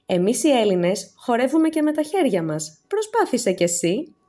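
A chatty, teasing grandmother of about ninety, as a woman reading a story puts her on. She reminisces in a raised, lively storybook voice. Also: on the high side.

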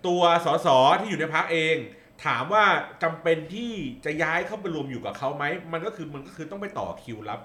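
A man's voice: fairly high pitch, lively intonation, brisk, few pauses, pushed and bright, echoey room, a little hiss or hum. A man chatting casually about politics, hesitant and thinking aloud with many fillers. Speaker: political commentator guest.

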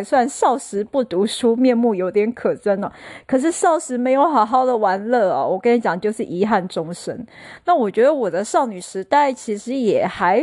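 A middle-aged woman hosting a casual solo podcast, telling stories in a chatty, animated way. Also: on the high side, dry recording. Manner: chatty, animated storyteller who mimics others. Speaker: podcast host.

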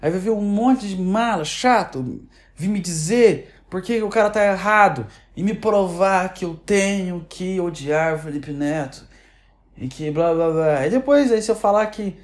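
A woman's voice: fairly low pitch, expressive, measured pace. A woman with a Brazilian accent ranting casually as an online commentator, sarcastic and rambling with many restarts. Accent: Brazilian Portuguese. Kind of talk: casual opinion rant.

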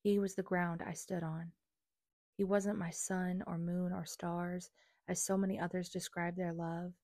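A woman's voice: lowish voice, flat delivery, measured pace, darkish tone, no echo, clean studio sound. A young adult woman reading her personal memoir aloud in an earnest, confessional way. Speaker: memoir narrator.

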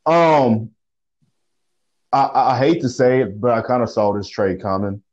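Halting man talking over a phone line. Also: mid-range voice, expressive, darkish tone. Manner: halting, repeats words, slangy. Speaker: podcast co-host. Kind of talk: casual sports chat.

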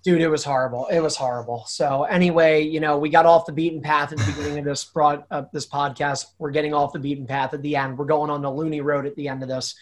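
A man's voice: on the high side, fairly even intonation, fast talker, few pauses. A young man co-hosting a podcast, telling a story in an emphatic, casual way. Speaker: podcast co-host.

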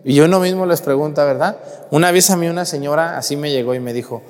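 Priest preaching under church reverb. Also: male voice, a little high, fast, darkish tone. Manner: conversational preaching with rhetorical questions to the congregation. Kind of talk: sermon.

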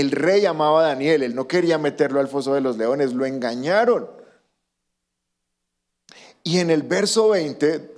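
A man preaching a sermon as pastor, animated and acting out quoted voices. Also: medium pitch.

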